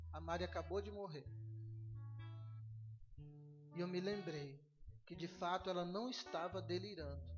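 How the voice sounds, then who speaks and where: A man preaching at a church event, telling a story with theatrical flair and acting out the dialogue. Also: high-pitched. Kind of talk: storytelling sermon. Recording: echoey hall, dull sound, soft guitar.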